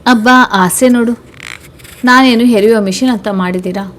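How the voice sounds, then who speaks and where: A woman's voice: on the high side, normal speed, slight background noise, close to an everyday voice. A woman voicing a young pregnant wife who is affectionate and playful, coaxing and pleading in a plain storybook voice. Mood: teasing.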